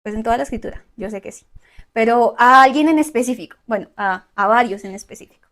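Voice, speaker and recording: A woman teaching a Bible study, often checking in with her listeners and listing word meanings slowly. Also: a little high, fairly bright tone. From Colombia.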